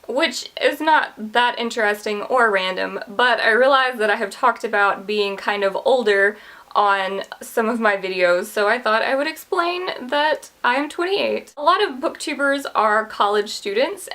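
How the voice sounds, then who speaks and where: A woman in her late twenties chats straight to camera as a book vlogger, her voice sitting a little high for a woman. She is candid and self-deprecating, laughing at her own awkward stories. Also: unhurried, bright, forceful tone. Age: 20s. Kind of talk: casual talk to camera.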